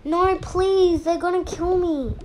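A woman doing a shrill, angry schoolgirl. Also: fairly even intonation, slow. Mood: pleading. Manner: shouting and whiny, loud complaints. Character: angry schoolgirl who yells, fed up. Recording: noisy home recording.

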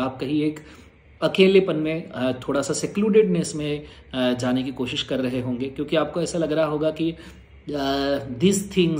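A man's voice: on the high side, a little mellow. A man giving students an earnest, reassuring motivational talk as their exam teacher. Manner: earnest, reassuring, mixes Hindi and English. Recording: roomy echo.

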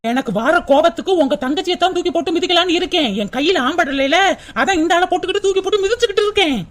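A woman voicing an angry young village wife in a cartoon, scolding in a shrill, rapid manner. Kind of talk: cartoon voice acting.

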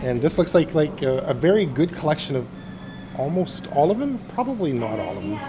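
A woman's voice: sits low, very animated, fairly quick, background noise. A woman vlogging her travels in a playful, jokey way, laughing often between remarks. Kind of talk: casual travel vlog chat.

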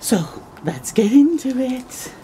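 Outdoors on a porch or in a yard early in the morning, a middle-aged woman reads a picture book to children, adding small asides as she goes. Her high-pitched voice carries slow, expressive storytelling with gasps and stretched-out words. The nearby camera also captures a noisy background.

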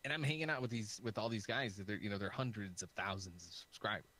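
A man's voice: on the low side, fast, low-quality recording. A man talking as a guest YouTuber in a casual video-call chat, rambling with lots of "like" fillers and joking at his own expense. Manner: rambling, heavy use of "like" fillers; animated and self-mocking.

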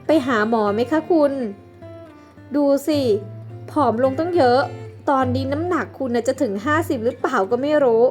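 A woman voicing a gentle, worried young wife in a homemade life-sim drama, speaking softly and pleadingly. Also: high-pitched, normal speed, faint music behind, lightly acted.

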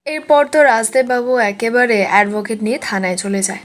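Woman recapping a serial, higher voice. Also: fairly even intonation, brisk. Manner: retells scenes, quoting each character's lines. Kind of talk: casual spoken plot recap.

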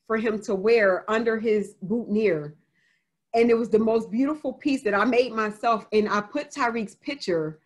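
A woman's voice: on the high side, a bit bright. A woman author answering reader questions in a casual Q&A, telling a personal story candidly with frequent laughter. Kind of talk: casual live Q&A.

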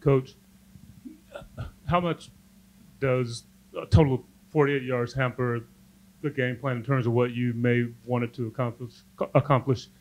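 A man's voice: mid-range voice, fairly even intonation, a little slow, long pauses, darkish tone, dull audio. A man, a reporter at a press conference, asking a wordy question and rephrasing it.

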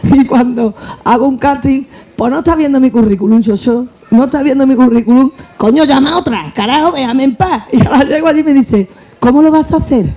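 A woman's voice: sits high, fairly quick, highs cut off. A woman with an Andalusian accent, an actress and comedian on a panel, telling anecdotes with laughter and acting out dialogue. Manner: laughing, expressive, acts out dialogue. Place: book fair hall.

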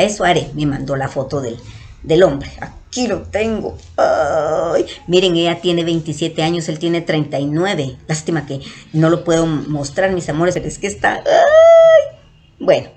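Animated Guatemalan woman telling a story. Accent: Guatemalan Spanish. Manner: affectionate, calls listeners "mis amores"; animated, acts out quotes with big pitch jumps. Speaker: vlogger. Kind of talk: storytelling to followers.

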